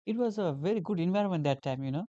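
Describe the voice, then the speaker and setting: A man's voice: sits high, lively intonation, rapid-fire, mellow, no echo, lo-fi sound. A young man from Nepal, a guest talking earnestly in a casual interview, repeating phrases with many fillers. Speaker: guest, graduate teaching assistant.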